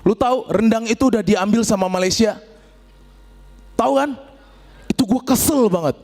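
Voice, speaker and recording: A man's voice: high voice, normal speed, darkish tone. A man from Padang in Indonesia doing an exasperated, escalating stand-up comedy rant on stage. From Padang, West Sumatra, Indonesia. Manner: exasperated, exclaiming, acting out examples. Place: theatre stage before an audience.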